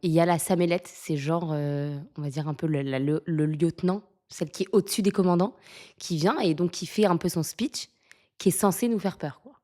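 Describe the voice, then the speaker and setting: A woman in her thirties from France, a podcast guest telling lively stories in a casual chat, laughing often and using lots of fillers. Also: on the low side, fairly quick. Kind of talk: casual storytelling interview.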